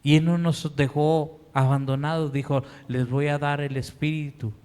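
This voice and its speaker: In a church sanctuary with long hall reverb, a man with a Mexican Spanish accent delivers a sermon, pleading earnestly at a slow, deliberate pace. His voice is fairly high and darkish, clean in tone, with a flat delivery.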